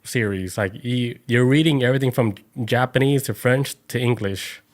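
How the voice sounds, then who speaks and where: A man's voice: medium pitch, moderate pace. A man co-hosting a podcast, telling a story in casual chat, full of "like" and acted-out voices. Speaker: podcast co-host.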